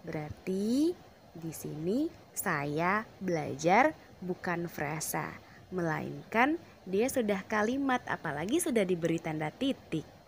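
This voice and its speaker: Woman teacher, unhurried classroom explanation, emphatic stresses on key words. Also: lowish voice, very animated, gravelly, a little hiss or hum. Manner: slow, deliberate, stresses words with rising emphasis.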